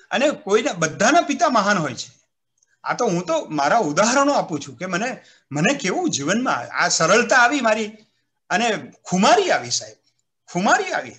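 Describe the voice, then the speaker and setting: A man, a retired civil servant, giving an animated storytelling talk on a video call, acting out quoted voices and reciting verse. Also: high voice. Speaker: retired civil servant speaking at a literary event. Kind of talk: anecdotal speech at an online literary program.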